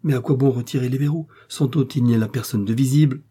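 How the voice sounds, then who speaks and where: A man's voice: mid-range voice, fast, mellow, slightly rough, pitched above the performer's own voice, close to an everyday voice. A man voicing a timid, easily frightened innkeeper who pleads in a fluster.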